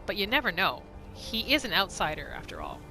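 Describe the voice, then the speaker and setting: This gaming roleplay host's lowish, gravelly voice swoops wildly in pitch as she briskly narrates her character's thoughts in the third person while playing. Game music sits under the voice, and the audio quality is poor.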